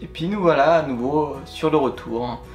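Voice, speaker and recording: A man's voice: a little high, normal speed. A man narrating a vlog in a casual storytelling style. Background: soft plucked guitar music.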